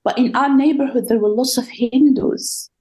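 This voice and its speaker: In a personal testimony interview, this woman tells the podcast about her faith journey, earnestly and thoughtfully, with occasional hesitation. Arabic is her first language; she was raised in the Gulf by a Palestinian family. Her voice sits high and is a little mellow at a moderate pace, though the audio is poor.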